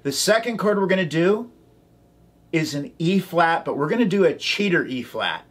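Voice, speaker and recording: A man's voice: a little high, expressive, moderate pace. A man teaching a ukulele tutorial, calling out chords and strums and chanting rhythm syllables. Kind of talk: instructional tutorial. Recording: ukulele playing behind the voice.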